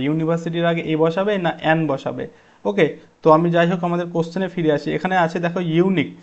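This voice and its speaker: A man's voice: fairly high pitch, darkish tone, lo-fi sound. A man teaching an exam-prep English grammar lesson, explaining step by step and asking his students questions.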